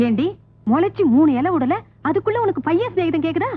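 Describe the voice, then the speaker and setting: A scolding village mother, high quick voice, tinny old film sound with music. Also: expressive, no room sound. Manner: scolding, protective.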